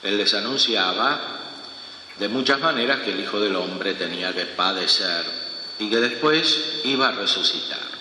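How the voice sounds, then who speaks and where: Reading the Gospel and delivering a homily in a large church, a male priest speaks at a fairly low pitch with lively intonation and a pushed, bright tone. The pace is slow and measured, with long pauses throughout. A long cathedral-style echo fills the recording alongside a faint room hum.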